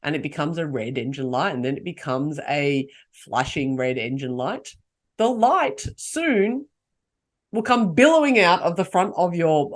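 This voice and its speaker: A woman hosting a solo podcast, coaching her listeners and asking them rhetorical questions. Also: fairly low pitch. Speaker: podcast host.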